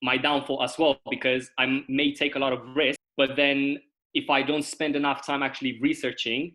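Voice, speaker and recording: Medium in pitch with little movement, a young man from Romania talks at a moderate pace in a sharp tone. He's being interviewed casually over video call as a guest, explaining at length and regularly checking in with tag questions like "right?" and "okay?".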